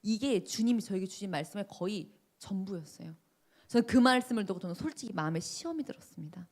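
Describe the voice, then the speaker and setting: A woman's voice: medium pitch, animated, fast talker, a little mellow. A woman preaching a sermon, telling her own testimony dramatically and asking the congregation questions. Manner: dramatic storytelling, voices the people in her story.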